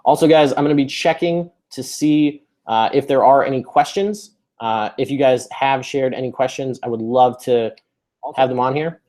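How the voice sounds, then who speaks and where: A man's voice: mid-range voice, moderate pace, a little mellow. A man hosting a live webinar over a video call, upbeat and chatty, with many fillers and restarts. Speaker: webinar host.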